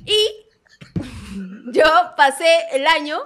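A young woman with a Peruvian accent telling a personal story in a casual chat, animated and laughing, often breaking in with "escúchame". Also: high voice, slow. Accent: Peruvian Spanish. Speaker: podcast co-host telling a story. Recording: live audience noise behind.

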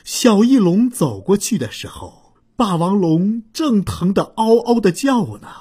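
A woman reading a children's story aloud, expressive and acting out the sound effects. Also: mid-range voice, a little slow, slightly rough.

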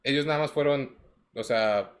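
Mexican man telling animated pop-culture stories. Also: moderate pace. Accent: Mexican Spanish. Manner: animated storyteller, acts out quotes in a higher voice. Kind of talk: casual chat about music cameos.

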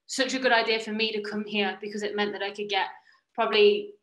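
A woman's voice: mid-range voice, level tone, a little fast, a bit bright, reverberant, low-quality recording. A young adult woman with a British accent chatting casually as a guest in an interview. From United Kingdom. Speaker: interview guest, professional wrestler.

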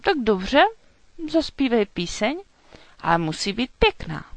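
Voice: medium pitch, big pitch swings, dry recording, voice pushed up. A reader doing a stern young dragon girl. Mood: grudging. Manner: bossy and snappish. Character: shy, hot-tempered young female dragon. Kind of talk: children's storybook reading.

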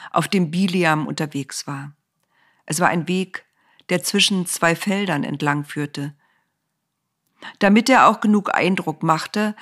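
A woman narrating a children's storybook aloud in an expressive, lively way. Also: on the low side.

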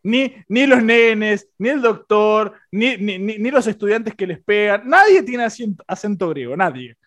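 A young man with a Rioplatense accent, co-hosting a casual film review podcast in an animated, joking way. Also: unhurried. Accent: Rioplatense Spanish. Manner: animated, joking, voice swings high and low. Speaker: podcast co-host.

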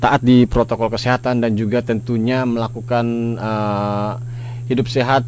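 A man presenting a live radio news bulletin in a halting, hesitant way. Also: mid-range voice, flat delivery, darkish tone. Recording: radio broadcast with clear hum noise.

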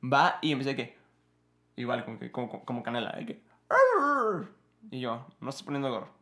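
Joven mexicano, voz brillante, sala con eco. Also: male voice, mid-range voice, fairly quick, roomy sound. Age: young adult. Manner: animated storyteller, acts out voices and film scenes. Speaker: podcast co-host. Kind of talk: casual chat.

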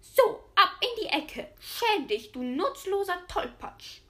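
A woman voicing an angry old grandmother who scolds in a loud, shrill voice. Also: sing-song, slow, full character voice.

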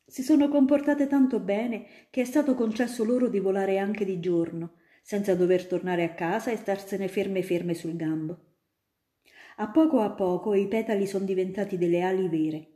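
A woman's voice: medium pitch, normal speed, natural voice. A woman voicing a kindly young male student who tells a little girl fanciful stories in a storybook reading. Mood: enthusiastic. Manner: animated storytelling. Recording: roomy echo.

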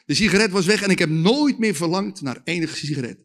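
A man preaching a sermon with testimony, leading lively call-and-response with the audience and shouting at the climaxes. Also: sits high, fairly quick.

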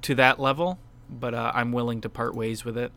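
Bright, clear-voiced man talking games. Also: medium pitch, fairly even intonation, fairly quick. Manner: candid, swears casually, enthusiastic asides. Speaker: podcast co-host. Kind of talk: casual game-awards discussion.

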